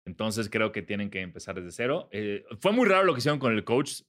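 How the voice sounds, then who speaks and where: A man's voice: lowish voice, very animated, fairly quick, a bit bright. A man with a Mexican accent, co-hosting a casual sports podcast, chatty and swearing offhandedly. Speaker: podcast co-host.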